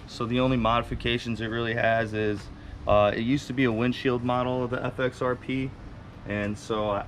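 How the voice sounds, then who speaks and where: A man talks casually in a slightly low, fairly flat voice, with faint noise behind him. He is plain-spoken and halting, like an owner showing off his motorcycle. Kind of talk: casual walkaround talk.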